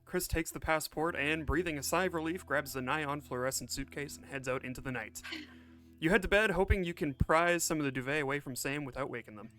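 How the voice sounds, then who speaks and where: A man's voice: fairly high pitch, brisk, a bit bright, soft background music. A man streaming a game, joking around casually and reading its narration aloud. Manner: joking, laid-back, reads narration aloud.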